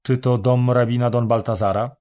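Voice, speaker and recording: A gallant young traveler, read by a male narrator, speaking in a teasing, courtly way. His voice sits at an ordinary middle pitch and stays close to the narrator's own. It sounds like a character from a read-aloud storybook. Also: fairly even intonation, normal speed, mellow, lightly acted. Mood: polite.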